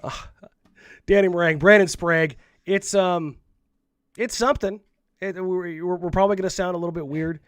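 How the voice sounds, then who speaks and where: A man's voice: high-pitched, steady tone, normal speed, clear, resonant tone, dry recording, studio quality. A man co-hosting a casual sports podcast from home while still a little sick, talking frankly and rambling with many restarts. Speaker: co-host. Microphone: own microphone, muted between coughs.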